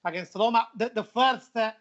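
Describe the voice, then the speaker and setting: A football show presenter with a high voice, normal speed, and a foreign, non-native English accent, recorded with muffled audio and crowd noise. He chats casually and playfully, repeating things for emphasis.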